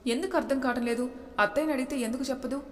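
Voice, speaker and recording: Woman doing a feisty sharp-tongued young wife. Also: high-pitched, rapid-fire, close to an everyday voice. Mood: persuasive. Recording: echoey room with long reverb.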